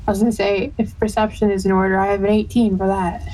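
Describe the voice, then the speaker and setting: A woman's voice: mid-range voice, level tone, quick pace, mellow, poor audio. A woman chatting casually as a tabletop game player, thinking aloud.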